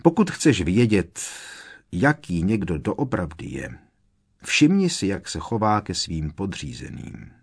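A man's voice: sits low, wildly swooping pitch, vocal fry, husky, exaggerated voice. A man voicing a grown wizard on the run who speaks in a grave, thoughtful way.

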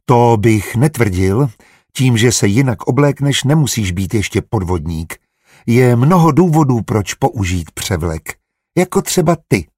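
A man's voice: mid-range voice, expressive, a little mellow, no echo, studio quality. A man reading as a smug, charming spy. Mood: amused. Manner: amused, smooth-talking.

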